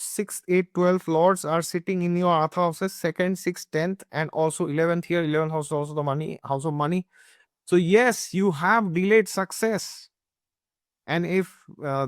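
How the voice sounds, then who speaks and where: Brief: male astrology teacher, emphatic and repetitive, slightly raised pitch. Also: dry recording, clean studio sound. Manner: emphatic, repeats points, often asks "okay?". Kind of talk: explanatory talk.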